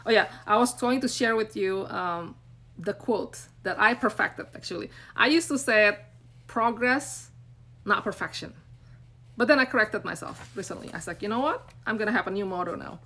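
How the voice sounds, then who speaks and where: Bright and forceful at medium pitch and normal speed, the voice comes from an Indonesian woman in her forties who coaches on branding. She hosts a live stream from a small room via her phone camera at arm's length, chatting unscripted to viewers in a rambling, filler-heavy, earnest and encouraging manner.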